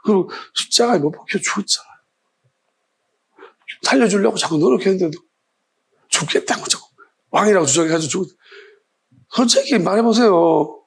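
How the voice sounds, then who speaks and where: A man's voice: high voice, brisk, creaky, pauses often, husky. A male pastor preaching a sermon, firing off challenging rhetorical questions in a scolding tone.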